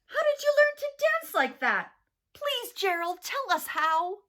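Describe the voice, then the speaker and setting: A woman's voice: extremely high pitch, big pitch swings, unhurried, voice pushed up, exaggerated voice. A woman voicing a brash crowd of jungle animals in a read-aloud picture book. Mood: amazed. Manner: loud, exaggerated storybook shouting.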